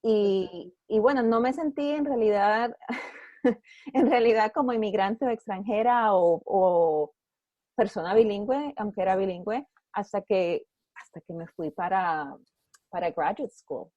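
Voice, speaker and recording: A woman's voice: mid-range voice, a little slow, mellow, no echo. A woman, a podcast guest telling her story in a chatty way, often restarting sentences and slipping in English words. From Dominican Republic. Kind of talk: casual interview conversation. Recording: dry, slightly muffled recording.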